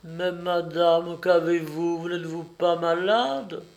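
Brief: reader playing a shy, anxious maid, soft and slow, for an audiobook. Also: male voice, on the high side, steady tone, pitched above the performer's own voice. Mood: worried. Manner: timid, hesitant. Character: timid, worried lady's maid. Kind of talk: audiobook character reading.

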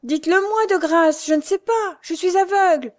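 A woman's voice: normal speed, natural voice. Frightened blind girl voiced by a woman reader, pleading and desperate, storybook reading. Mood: terrified. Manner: high, loud cries of terror.

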